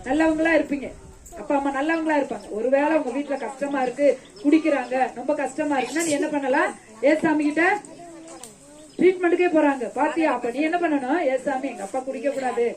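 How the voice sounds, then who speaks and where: High-voiced woman telling children a Bible story. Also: fairly quick, darkish tone. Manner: keeps asking the children questions and answering them; coaxing and affectionate with the children. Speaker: children's ministry teacher. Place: outdoors during rain. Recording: children's chatter all around. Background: a group of children.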